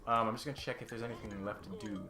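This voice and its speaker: A young man casually chatting while playing a video game, swearing loudly when he fails. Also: lowish voice, fairly even intonation, very fast. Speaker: let's play gamer. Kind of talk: casual gaming chat.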